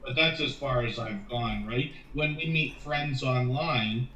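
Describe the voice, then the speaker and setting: A man chats as a guest, thoughtful and hedging, dotting his speech with ums. His voice is bright, but he sits off the mic in an echoey room with faint noise behind him. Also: mid-range voice, measured pace, distant mic, muffled recording. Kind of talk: casual chat.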